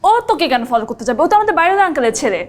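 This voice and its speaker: An actress playing a brisk, kindly young sister-in-law who reassures others in a TV drama. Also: female voice, high voice, sing-song. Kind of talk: TV drama acting.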